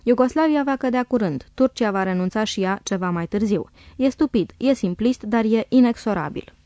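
A woman narrating a diary in a calm, measured reading voice. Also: medium pitch, no room sound. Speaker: audiobook reader.

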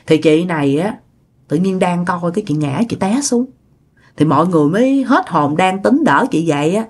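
Chatty woman telling a ghost story. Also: medium pitch. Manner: chatty, addressing listeners directly. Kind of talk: casual ghost story narration.

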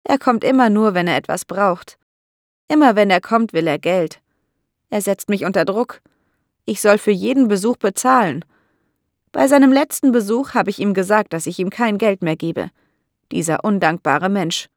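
A woman's voice: medium pitch, normal speed, no echo, clean studio sound, lightly acted. A woman voicing a lonely, fearful elderly landlady who complains plaintively. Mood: bitter. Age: older.

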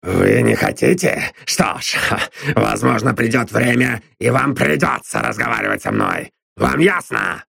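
A man reading an audiobook, voicing a gruff, sneering middle-aged male blackmailer who growls his threats. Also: mid-range voice, lively intonation, unhurried, pushed and bright, no echo, studio quality, heavily acted. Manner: growling, bullying.

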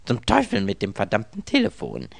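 A man's voice: on the low side, wildly swooping pitch, fairly quick, creaky, no room sound, exaggerated voice. A man voicing an irritable, bewildered young writer who grumbles and mutters in exasperation. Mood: grumbling.

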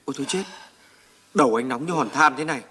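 A man's voice: on the high side, fast talker. A teasing young militiaman. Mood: concerned. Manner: teasing, lively, polite to elders. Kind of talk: radio drama acting.

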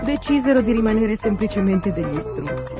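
Expressive woman reading a fairy tale. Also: fairly high pitch, fairly quick, over music. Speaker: storyteller. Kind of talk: storybook read-aloud narration.

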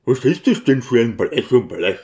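A man voicing a stubborn, suspicious male deacon who speaks deliberately. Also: mid-range voice, sing-song, a little mellow.

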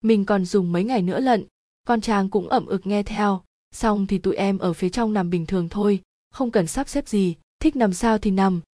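Woman storyteller, casual slangy horror narration, warm dark tone, dry close sound. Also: medium pitch, normal speed, dry recording. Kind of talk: reading a first-person horror story aloud.

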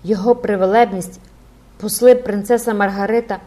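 A woman's voice: mid-range voice, steady tone, fairly quick, mellow, close to an everyday voice. A woman reading an audiobook, voicing a frightened male stage actor who trembles and mutters.

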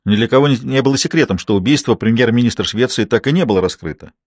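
Brief: measured male narrator, medium pitch, dry studio audiobook. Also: dry recording. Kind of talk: scripted narration.

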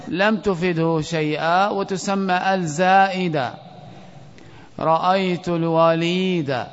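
Guy teaching grammar class, fairly high voice, long hall echo, muffled old tape. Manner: questioning students, reciting verse slowly. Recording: dull lo-fi audio with long hall reverb.

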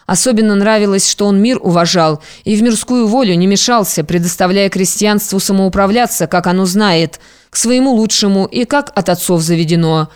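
An audiobook narrator reading a classic novel in an even, measured storytelling manner. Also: mid-range voice, clear, resonant tone.

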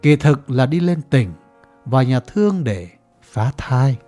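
A narrator reads a story aloud in a measured, wry manner. The delivery is slow and melodically lively, with faint music underneath. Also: mid-range voice. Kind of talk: audiobook narration.

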